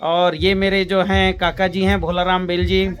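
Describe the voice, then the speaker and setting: A man's voice: sits high, little pitch movement, normal speed, fairly bright tone, clean tone. A man, presenting and interviewing casually as a vlog host. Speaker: video host interviewing his grandfather. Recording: faint music behind the voice. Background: music.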